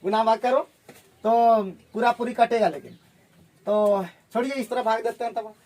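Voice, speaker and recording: A man teaching a maths class, firing questions at his students and working sums out loud. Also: very high voice, steady tone. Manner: drills students with rapid questions while calculating aloud. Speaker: maths tutor.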